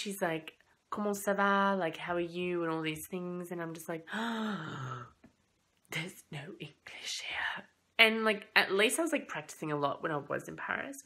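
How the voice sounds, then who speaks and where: A young woman vlogging a storytime, chatty and animated, peppering every sentence with "like" and acting out her own thoughts. Her voice sits fairly low with plenty of gravelly fry, and she sounds a little under the weather from a cold. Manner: chatty, animated retelling with lots of "like" and quoted thoughts. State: has a cold, coughing. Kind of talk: casual storytime vlog.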